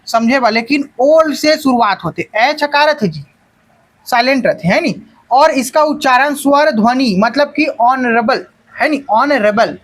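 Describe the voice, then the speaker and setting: A woman's voice: fairly high pitch, poor audio. A woman teacher with a Chhattisgarhi accent giving an online exam-prep class, who keeps coaxing students to call out their answers.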